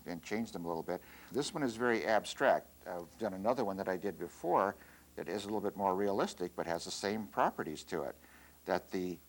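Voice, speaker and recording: Halting, low-voiced male art teacher. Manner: relaxed, halting, many fillers and restarts. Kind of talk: instructional demonstration.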